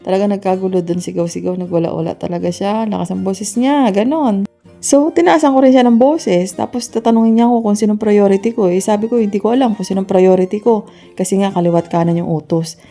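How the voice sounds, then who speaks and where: A woman who works as a domestic helper tells a story in a casual vlog, with a naturally loud voice. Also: mid-range voice, a little fast, soft background music.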